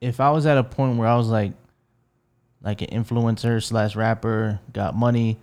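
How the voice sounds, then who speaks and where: A man's voice: fairly low pitch, fairly even intonation, moderate pace, darkish tone. A young man co-hosting a casual podcast chat, laid-back, jokey and slangy. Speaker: podcast co-host.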